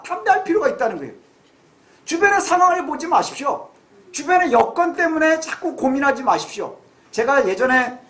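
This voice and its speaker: A middle-aged man preaching a Sunday sermon as pastor, conversational and full of questions to the congregation, swinging between raised and hushed delivery. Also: extremely high pitch. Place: church sanctuary. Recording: echoey church room.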